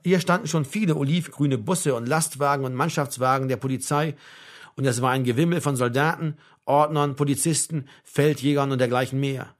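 A man narrating a novel as an audiobook, in a calm, even reading. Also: medium pitch, fairly quick. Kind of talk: scripted narration.

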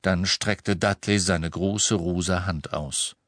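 A man's voice: deep voice, fairly even intonation, slow pace, fairly bright tone, dry recording. Man reading an audiobook, dry sound. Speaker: audiobook narrator. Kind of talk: scripted narration.

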